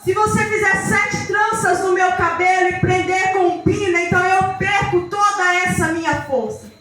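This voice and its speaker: A woman's voice: extremely high pitch, steady tone, normal speed, fairly bright tone. A woman preacher voicing a strong, boastful biblical hero who brushes off questions, in an echoey room with faint music. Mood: offhand.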